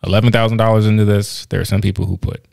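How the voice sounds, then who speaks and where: A male podcast co-host speaks rapid-fire in a creaky, darkish voice on the low side, with a flat delivery. He's chatty in the casual exchange, laughing easily and full of fillers and restarts. There's no room sound.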